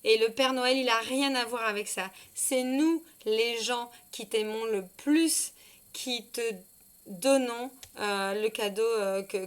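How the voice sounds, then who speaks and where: A woman's voice: medium pitch, clear, resonant tone. A woman in her thirties, a parenting consultant, telling a personal family story in an emotional, hesitant way full of fillers and restarts.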